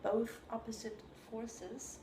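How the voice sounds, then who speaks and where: Halting woman. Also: a little high. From China. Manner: thoughtful and halting, searching for words. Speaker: composer, interview guest. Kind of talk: reflective conversation. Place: room in New York. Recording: roomy sound with steady background noise.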